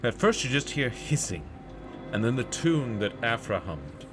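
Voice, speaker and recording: A man's voice: mid-range voice, big pitch swings, a little slow. A man streaming and narrating a gamebook in the second person, with chatty, wry asides. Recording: loud background music.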